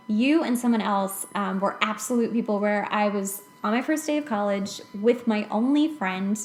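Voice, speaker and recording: In a reverberant space, an American woman in her late twenties hosts a podcast, telling personal stories in a casual, chatty way. Her mid-range voice carries a self-deprecating humor as she talks conversationally.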